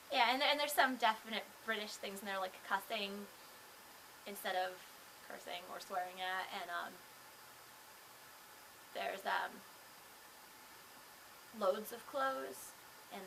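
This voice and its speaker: A woman's voice: medium pitch, fairly even intonation, a little slow, vocal fry, pauses often, background noise. A young woman chatting casually to camera as a vlogger, rambling with lots of fillers and restarts. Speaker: vlogger and singer.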